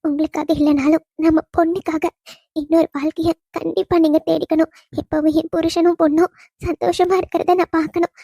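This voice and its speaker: A woman voicing the gentle, teasing spirit of a young wife in a cartoon, talking with affection to her husband. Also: very high-pitched, level tone, brisk, vocal fry, no echo, studio quality. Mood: tender teasing. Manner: affectionate teasing, soft laughs. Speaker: dead wife visiting husband. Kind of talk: cartoon voice acting.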